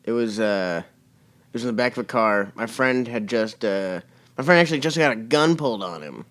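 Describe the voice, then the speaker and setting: Young male comedian guest, lively pitch, rambling and profane as he tells his story. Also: moderate pace. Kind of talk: casual chat.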